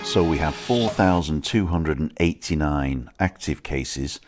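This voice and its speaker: Loud music plays behind a man whose voice rumbles low and moves a little slowly. He's on an outdoor balcony co-hosting an easygoing livestream, chatting, joking and reading comments from viewers.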